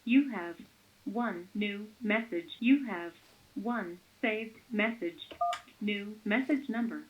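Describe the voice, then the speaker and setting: A woman's voice: medium pitch, a little hiss or hum. Automated woman's voice over a landline phone. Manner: even, measured menu announcements. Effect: heard over a landline phone speaker. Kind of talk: recorded phone menu prompts. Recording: muffled lo-fi phone audio.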